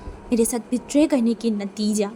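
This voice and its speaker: A woman's voice: fairly high pitch, normal speed, dark tone, slight background noise, natural voice. A woman voicing a possessive rich young man in a storybook reading, pressing with questions and stammering apologies. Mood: threatening.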